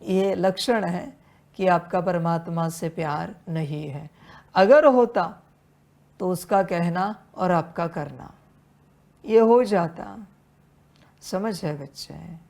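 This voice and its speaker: A woman preaching a devotional sermon in a slow, unhurried way, with a voice that sits a little low. She addresses her listeners as children and returns again and again to rhetorical questions and refrains. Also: gravelly, a little mellow. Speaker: spiritual teacher.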